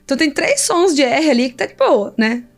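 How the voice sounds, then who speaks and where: Woman, high voice, lively professor explaining in conversation, laughs a lot. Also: a little fast. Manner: animated, laughs often, demonstrates pronunciations. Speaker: linguistics professor guest.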